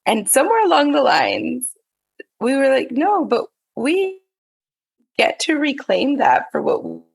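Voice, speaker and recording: A woman co-hosting a podcast over a video call whose audio breaks up and freezes, speaking haltingly with restarts. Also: high voice, very animated, vocal fry, breathy edge. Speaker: podcast co-host. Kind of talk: casual conversation.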